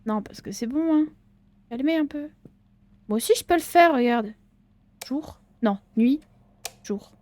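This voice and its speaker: Brief: woman gaming creator, casual horror-game commentary, playful and loose-mouthed, voice a touch high. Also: a little slow, long pauses, a little mellow, dry recording. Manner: chatty, jokey, talks back to game characters; casual swearing and slang. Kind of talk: let's-play commentary.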